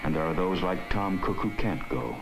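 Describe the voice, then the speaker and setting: A man narrating a scripted documentary in a solemn, dramatic, deliberate way. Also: low voice, lively intonation, over music, rough recording.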